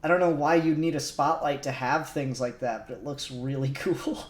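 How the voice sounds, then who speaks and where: Co-hosting a laid-back livestream, a man thinks out loud, rambles, and laughs while working on 3D modelling. His mid-range voice has a steady tone at a normal speed. The room is echoey, with faint music playing.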